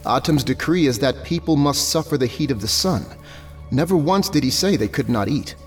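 A man playing a stoic, devoted god of fertility and loving husband in an audio drama, speaking in an earnest, measured way. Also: mid-range voice, animated, faint music behind, natural voice. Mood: reasoning.

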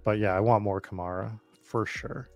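With faint music behind him, a man with a lowish voice speaks at a moderate pace and fairly even intonation. This host of a fantasy football draft stream, from the Boston area of the United States, keeps the live commentary casual, informal, and full of swearing.

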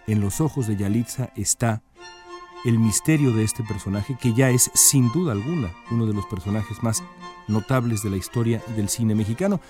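A man hosting an interview, asking reflective questions in a measured way. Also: fairly low pitch, warm tone. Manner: measured, reflective, stumbling on restarts.

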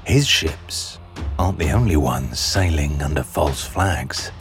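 Deep-voiced man narrating a documentary. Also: animated, music in the background. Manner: dramatic, measured storytelling.

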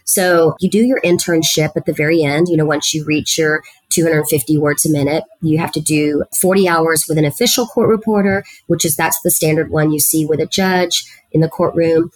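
She's a middle-aged student housing executive from South Texas, guesting on an interview podcast and earnestly narrating her career with many fillers. Her low, steady voice keeps a moderate pace and hardly pauses, and the low-quality recording has no room sound.

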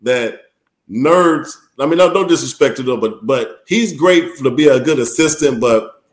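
A man who once played pro basketball tells stories in a loose, profane, animated way and laughs often. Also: mid-range voice, moderate pace. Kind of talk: casual storytelling. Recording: roomy echo.

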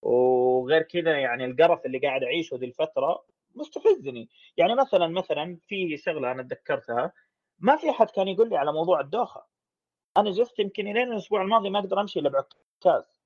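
A man speaks as a podcast guest, his voice sitting a little high. He talks frankly and very quickly, spilling long runs of thought with restarts. The recording sounds dull and lo-fi. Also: lively intonation. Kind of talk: candid casual conversation. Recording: dull lo-fi audio.

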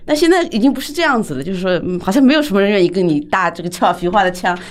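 A woman's voice: mid-range voice, expressive, very fast. A woman, a writer and translator, chatting as a podcast guest in a casual, opinionated book discussion.

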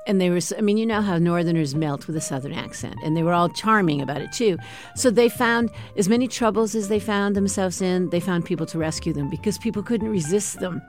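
A woman's voice: fairly low pitch, brisk, soft background music. Older woman fondly recalling campaign days. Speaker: state representative, former campaign intern. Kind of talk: interview recollection.

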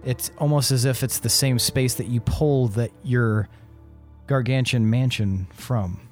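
A man narrating a tabletop role-playing game as game master, laying out scenes in deliberate, suspenseful short phrases. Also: medium pitch, steady tone, a little mellow, faint music behind.

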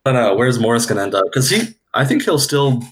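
A man co-hosting a casual sports chat, dropping quick one-liners and chuckling asides. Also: medium pitch, very animated, slight background noise. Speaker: podcast co-host.

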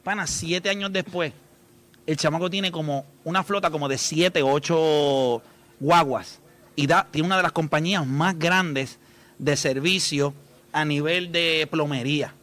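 High, bright-voiced Puerto Rican man. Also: unhurried. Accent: Puerto Rican Spanish. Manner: emphatic, blunt storyteller who swears and addresses listeners. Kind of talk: casual chat.

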